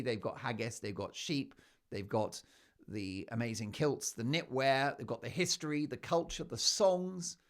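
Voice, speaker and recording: A man hosting a talk show and giving an opinionated monologue in a mid-range voice. His pitch leaps and dips all the time as he leans hard on his points. He throws in mocking asides and keeps checking in with his viewers. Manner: emphatic, animated, keeps asking "right?". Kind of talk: opinionated news commentary monologue.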